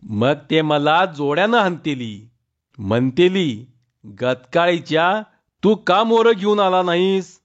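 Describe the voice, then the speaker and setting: A man's voice: fairly high pitch, expressive, slow. A man playing a cheerful rustic male farmhand, laughing and teasing as he talks, in a dull lo-fi recording. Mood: pleading. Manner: laughing, teasing village talk.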